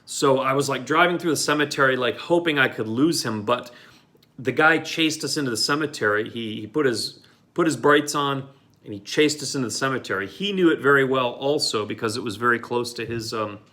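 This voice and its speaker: A man from Michigan with a mid-range, pushed, bright voice tells a personal story at a brisk clip. His casual telling rambles, with lots of fillers, restarts, and acted-out quotes.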